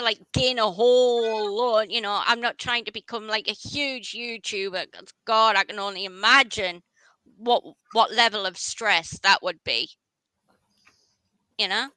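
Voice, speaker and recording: A woman's voice: on the high side, measured pace, pushed and bright, no room sound, low-quality recording. A woman hosting a casual livestream, chatty and rambling, often restarting her sentences. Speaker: livestream host.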